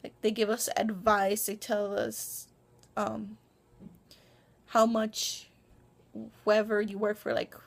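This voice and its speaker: A woman's voice: mid-range voice, level tone, takes it slowly, gravelly, long pauses. A young woman vlogging to camera in a casual, rambling way, with many ums, restarts and self-conscious asides. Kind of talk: casual vlog monologue. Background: dog barking.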